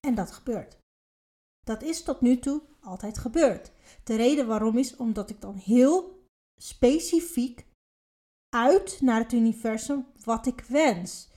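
A woman's voice: fairly high pitch, animated, a little slow, dark tone. Earnest Dutch-speaking woman co-host. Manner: earnest, explaining with repetition and emphasis. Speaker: podcast co-host. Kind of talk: casual explanatory chat.

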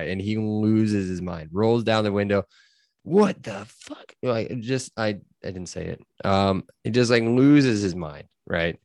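Casting: low-voiced male podcast co-host, easygoing and rambly, dry close sound. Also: no room sound. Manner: laid-back, rambling, laughs often. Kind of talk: casual sports chat.

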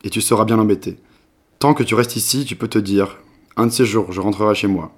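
A brooding, bitter young Italian man from an audiobook, read by a man in his late twenties, sardonic and wry. The voice sits on the low side and stays close to a plain reading voice. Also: brisk, lightly acted.

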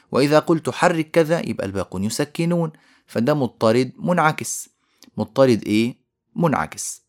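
Egyptian man teaching, answers his own questions. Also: mid-range voice. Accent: Egyptian Arabic. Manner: explanatory, asks questions and answers them himself; chants verse lines slowly. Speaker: teacher explaining a poem on Quran recitation. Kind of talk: recorded lecture.

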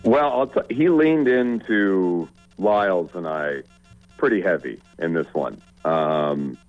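A man's voice: sits low, takes it slowly, phone-quality sound, soft background music. A man co-hosting a sports radio show, joking around and rambling with restarts. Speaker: radio sports talk co-host. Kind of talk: casual sports radio banter.

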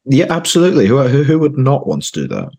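A man with a hoarse voice chatting casually as a podcast guest, often repeating his words as he goes. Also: mid-range voice, wildly swooping pitch, fast talker, warm tone. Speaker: podcast guest, football fan and reporter. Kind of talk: casual chat.

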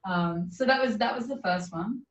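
A woman, a podcast guest, telling a personal story in a casual, earnest, animated way and laughing often. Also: mid-range voice, moderate pace. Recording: roomy, distant, dull sound.

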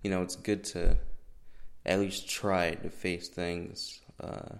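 Low-voiced young American man in echoey garage. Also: flat delivery, slow pace, creaky. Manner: rambling, self-deprecating, sweary. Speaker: podcast host. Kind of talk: casual solo podcast chat. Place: indoors in a garage. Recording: echoey garage room sound, breath pops.

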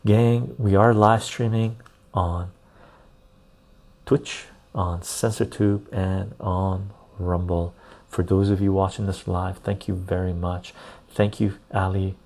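Talking through a lapel mic on a relaxed live stream, this streamer and podcast host chats to his viewers and says things twice to drive them home. His voice is deep and slow, with little pitch movement, creaky and a little mellow.

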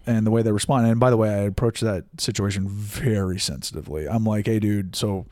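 A young man co-hosting a casual podcast, talking in an animated way, swearing freely and acting out the people he quotes. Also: fairly low pitch, fast talker, no echo, clean studio sound. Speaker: podcast co-host.

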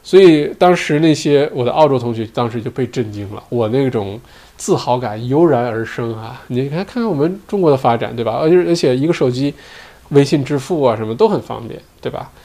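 A man's voice: medium pitch, animated, a little fast, dark tone. A man hosting his own solo show, talking casually in a rambling way with many fillers and tag questions. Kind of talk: casual commentary monologue.

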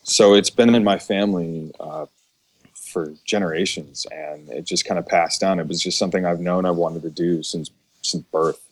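A deep-voiced American man from Chicago talks at a normal speed with fairly even intonation. He's a guest on a podcast, chatting informally in an earnest, agreeable way during a casual interview.

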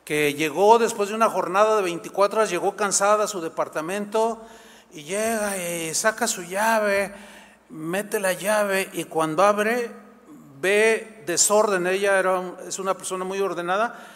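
A pastor with a notably high voice, telling a story during a sermon. He shifts between hushed moments and forceful calls to his congregation. A long church reverb trails after every phrase. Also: a little slow. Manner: animated storytelling, emphatic.

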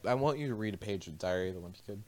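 A man's voice: fairly low pitch, lively intonation, very fast. A young man co-hosting a podcast in casual chat, teasing his partner with playful orders and some swearing. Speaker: podcast co-host.

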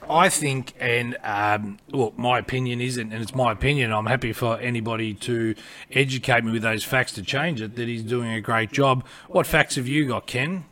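A man's voice: medium pitch, steady tone, normal speed, fairly bright tone. A man co-hosting a podcast, giving blunt, emphatic opinions and repeating his points. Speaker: podcast co-host.

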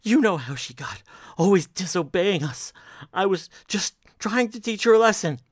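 A man voicing a guilt-wracked, groveling husband who shrieks out a frantic, desperate confession in a strained, high voice. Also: expressive, moderate pace, breathy edge, no echo, clean studio sound. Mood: frantic, pleading. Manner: frantic high-pitched shouting.

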